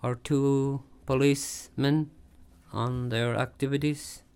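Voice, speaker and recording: A man interpreting live at a formal meeting, speaking in short phrases with pauses between them. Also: medium pitch, fairly even intonation, a little mellow, clear, resonant tone.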